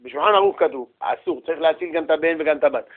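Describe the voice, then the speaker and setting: A man with a notably high voice speaks to a small group of listeners, retelling a religious tale in an informal, slangy way. He keeps the story animated, turning often to his listeners and slipping into the voices of the people in it. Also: narrow, tinny audio. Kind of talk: casual religious talk with storytelling.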